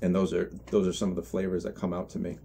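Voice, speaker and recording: Low-voiced man giving a halting review. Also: monotone, creaky, dark tone, slight background noise. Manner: halting, reflective, with trailing self-corrections. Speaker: pipe tobacco reviewer. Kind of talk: unscripted review monologue.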